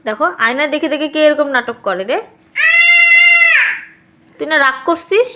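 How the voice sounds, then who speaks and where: A woman's voice: high-pitched, normal speed, very noisy. A woman vlogging at home, playfully teasing and coaxing her small daughter. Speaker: mother and vlogger. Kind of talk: casual family vlog.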